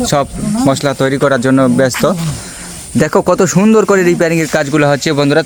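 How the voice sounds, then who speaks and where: A man hosting a casual walk-through vlog outdoors, explaining things eagerly and repetitively to his viewers. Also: on the high side. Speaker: village vlogger, host. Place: outdoors at an embankment gate under repair. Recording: noisy outdoor recording with hiss.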